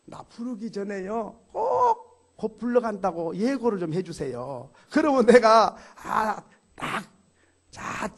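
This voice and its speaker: A man acts out an indignant young man who begs and protests, his voice climbing high and loud with every complaint. There is a gravelly rasp under the whining. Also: wildly swooping pitch, slow pace, heavily acted. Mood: pleading.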